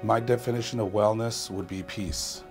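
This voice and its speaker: A man's voice: on the low side, steady tone, normal speed, music in the background. A man patient speaking plainly in a documentary interview. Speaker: clinic patient.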